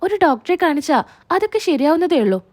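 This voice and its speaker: A woman reading the lines of an elderly grandmother who speaks calmly and reassuringly. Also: high voice, brisk. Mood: soothing. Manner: calm, reassuring. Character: elderly grandmother, mild and soothing.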